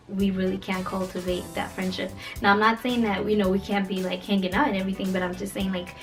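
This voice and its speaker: Here a woman of 29 from Kenya chats in her vlog with a mid-range voice, sounding lively, playful and emphatic as she talks casually.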